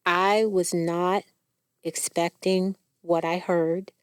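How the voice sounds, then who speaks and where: A woman with a slightly low voice tells her story in a candid, animated way and acts out the voices of the people in it. The sound is dry and close, with no room around her. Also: takes it slowly, clean tone, dry recording. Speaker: cancer survivor guest. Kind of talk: personal storytelling in a podcast.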